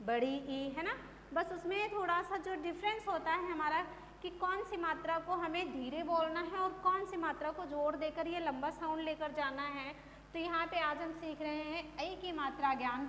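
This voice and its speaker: Woman teacher, high voice, unhurried lesson pace with long reverb around her. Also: a bit bright. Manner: slow drawn-out drilling of words, then brisk explanation. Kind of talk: Hindi phonics lesson for children. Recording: echoey room, faint hum.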